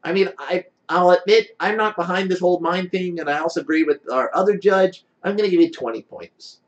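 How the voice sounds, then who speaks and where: Man playing a mild, hesitant, higher-voiced judge. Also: a little fast, highs cut off, lightly acted. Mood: mildly concerned. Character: mild, concerned male contest judge. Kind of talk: tabletop game role-play.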